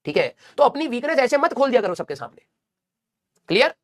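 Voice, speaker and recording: Male coaching teacher, rapid motivational pep talk, blunt and scolding, slangy asides. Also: very high voice, sing-song. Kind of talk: motivational talk to exam students.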